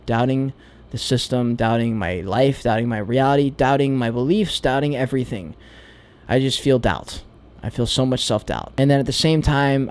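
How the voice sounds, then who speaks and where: A man's voice: medium pitch, darkish tone. A man vlogging a candid, reflective monologue about himself. He talks in a searching, hesitant way and swears freely.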